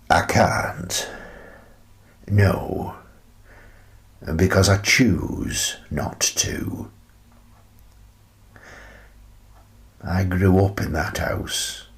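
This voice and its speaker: An actor voices a gentle, wistful, eccentric old British grandfather in a radio play monologue. He speaks in a low voice, rambling reflectively and pausing hesitantly as he goes. The character is an older man.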